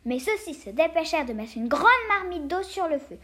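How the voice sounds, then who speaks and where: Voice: high voice, lively intonation, fairly quick, fairly bright tone. A child reading a fairy tale aloud, carefully, with small slips and restarts. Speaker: reader.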